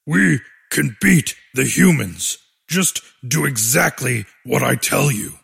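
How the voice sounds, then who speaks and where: Man voicing a gruff little scaly monster kid, cool and bossy, storybook. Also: mid-range voice, takes it slowly, voice pushed down, exaggerated voice. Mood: confident. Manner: steady, commanding. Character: calm, scheming little scaly boy monster.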